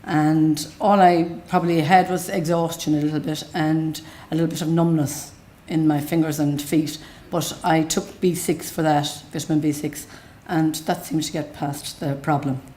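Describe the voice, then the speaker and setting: A middle-aged woman from Galway, in the west of Ireland, speaks in a low-pitched, darkish voice with a west of Ireland accent. As a patient, she gives an unscripted, plain-spoken, matter-of-fact account of her own story.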